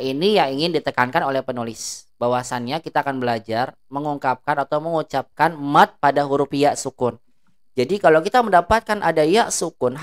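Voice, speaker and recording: A woman with a low, smooth, clear voice teaches an Arabic class. She stretches the long vowels as she drills each word. She stops often to ask the class if they follow. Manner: asks the class check questions.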